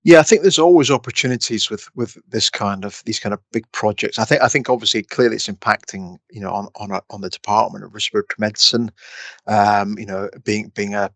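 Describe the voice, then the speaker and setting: A man's voice: on the low side, a little fast, a bit bright, no echo. A middle-aged man from Scotland, answering interview questions with many restarts and fillers. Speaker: guest, respiratory consultant.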